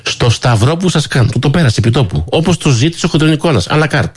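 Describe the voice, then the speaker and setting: A man hosting a talk show who tells a story with animated commentary and acts out the people he quotes in a higher voice. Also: breathy edge, no room sound. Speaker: radio show host.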